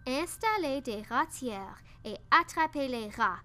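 A woman's voice: high voice, expressive, slow pace, pushed and bright, heavily acted. A woman voicing a bossy, angry male ship captain in a storybook reading, barking orders. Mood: commanding.

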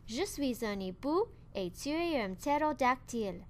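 A woman's voice: high voice, lively intonation, measured pace, darkish tone, slight background noise. A woman voicing a wise, teasing old owl who asks patient, coaxing questions.

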